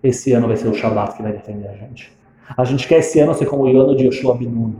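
A male preacher telling a religious story in a sermon, animated and switching into character voices. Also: mid-range voice, quick pace, slight background noise. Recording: echoey room.

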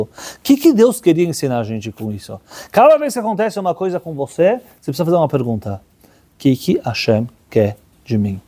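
Husky, dark-voiced man giving a sermon. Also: medium pitch. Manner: animated storyteller, voices characters in dialogue. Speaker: religious teacher. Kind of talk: storytelling sermon.

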